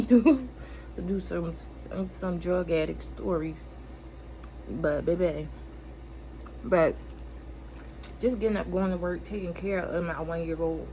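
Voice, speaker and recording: Gravelly American woman, rambling candidly. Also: on the low side. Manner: candid, blunt, profane, emphatic. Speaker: vlogger. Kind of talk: rambling casual confessional chat. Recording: clearly noisy room ambience.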